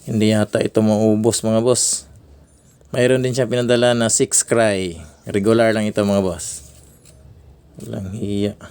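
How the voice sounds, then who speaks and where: A man from the Philippines casually unboxing fireworks for his vlog, naming each item slowly with frequent chuckles. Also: fairly low pitch, flat delivery, a little mellow, clean tone. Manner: slow, drawn-out naming of items, frequent chuckles. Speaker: fireworks vlogger.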